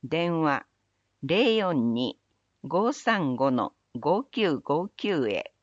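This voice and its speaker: Woman announcer, low voice, unhurried reads of public notices, lively intonation; dull dry recording. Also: no room sound. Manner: measured, even recital of dates and phone numbers. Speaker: city announcer. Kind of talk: scripted public announcement reading.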